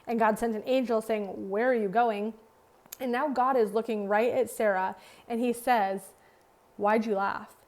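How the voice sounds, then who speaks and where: Earnest higher-voiced woman teaching Bible study. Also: darkish tone. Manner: earnest, repeats phrases in building lists; speaks directly to listeners with rhetorical questions. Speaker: Bible study leader and ministry founder.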